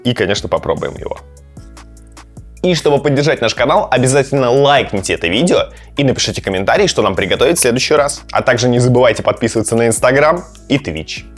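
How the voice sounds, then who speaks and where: A man hosting a gaming and cooking channel chats casually and playfully to the camera, reacting to gameplay and sometimes talking to his cat. His voice is medium-pitched, animated and quick, with faint music behind it.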